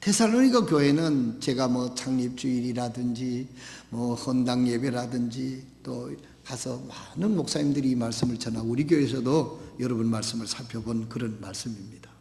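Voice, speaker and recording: A male pastor, preaching a sermon in a church, with emphatic swings between loud exhortation and soft asides. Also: medium pitch, moderate pace, creaky, a little hiss or hum. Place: church sanctuary. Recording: echoey church hall.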